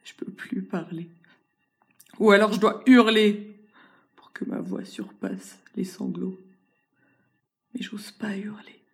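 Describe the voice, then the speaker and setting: A woman performing a scripted spoken-word monologue with intensity, often dropping to a whisper and speaking in a slow, deliberate way. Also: mid-range voice, sing-song, gravelly.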